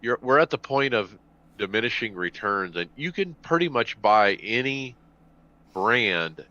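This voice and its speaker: A man's voice: medium pitch, expressive, unhurried, bright, forceful tone. A man co-hosting a podcast, chatty and opinionated, on dull lo-fi audio. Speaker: podcast co-host. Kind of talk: casual chat.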